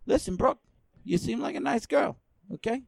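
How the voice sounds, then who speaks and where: A man's voice: very high voice, animated, normal speed, vocal fry, darkish tone, dry recording, voice pushed up, heavily acted. A man voicing a rambling, spaced-out old stoner oddball making a prank phone call. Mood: pleading.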